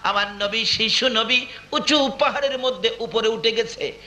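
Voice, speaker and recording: A male preacher delivers a waz sermon in a very high, sharply bright voice. His lines swell into melodic, chanted cries full of passion. The recording is echoey. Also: a little slow, a little hiss or hum. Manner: impassioned, rising into sung cries. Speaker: Islamic preacher. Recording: echoey live sermon audio.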